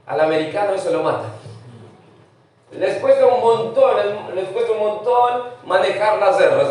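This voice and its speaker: High-voiced pastor preaching in echoing church. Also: male voice, darkish tone, distant mic. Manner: mixes English words into Spanish preaching. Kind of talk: sermon. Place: church sanctuary. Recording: very echoey church from afar.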